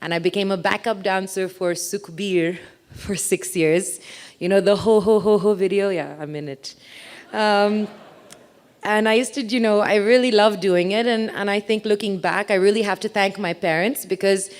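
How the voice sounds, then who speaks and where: This is a chatty, self-deprecating stage talk before a live audience by an Indian woman in her thirties. A childhood spent abroad left her with a blended international English accent. Her mid-range voice stays steady at a normal pace.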